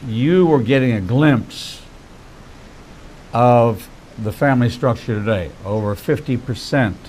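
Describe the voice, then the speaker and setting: A man in his sixties hosting a faith-based interview, speaking in measured, preacherly phrases. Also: mid-range voice, a little mellow, slight background noise, rough recording. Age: 60s.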